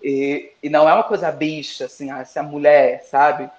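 Drag queen guest, man, campy and playful, slightly high voice, echoey dull recording. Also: flat delivery, moderate pace. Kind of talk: casual interview chat. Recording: roomy, dull lo-fi sound.

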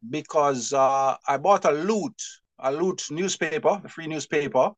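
A man with a Jamaican accent, chatting as an interview guest, lively and quick to laugh. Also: fairly high pitch, dry recording. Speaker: guest, publisher. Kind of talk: casual interview chat.

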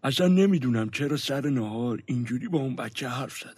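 An actor playing a moody, short-tempered older grandfather in a comic radio play, his voice husky. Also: medium pitch, expressive, darkish tone, no room sound. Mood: grumpy. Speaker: grandfather in family audio drama.

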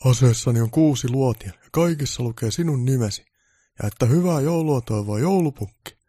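A man's voice: medium pitch, mellow, slightly rough, no echo, clean studio sound, pitched above the performer's own voice, lightly acted. A man voicing a grumpy old Santa Claus with bellowing, blustery threats, in a comic storybook reading.

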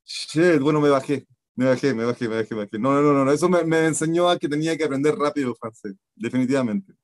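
A man from Chile with a Chilean Spanish accent, a radio guest telling a story in an animated way. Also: mid-range voice, fast talker, dry recording. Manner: animated storyteller, acts out voices. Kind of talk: casual anecdote telling.

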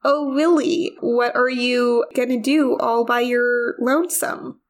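Woman podcast co-host, high voice, unhurried, deliberate teasing banter. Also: fairly even intonation. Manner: deliberate, mock-indignant teasing. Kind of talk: casual chat.

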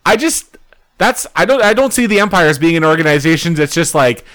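Smooth-voiced man casually recapping a film. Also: fairly high pitch, animated, fairly quick, a bit bright. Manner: laid-back recapping with fillers and casual swearing. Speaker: podcast co-host. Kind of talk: casual movie review chat.

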